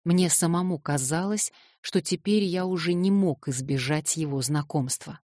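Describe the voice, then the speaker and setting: A woman narrates a classic novel in a calm, even voice. Her pitch sits low, and the recording is dry and close with no room sound. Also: moderate pace, dry recording. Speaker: audiobook narrator. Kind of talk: scripted narration.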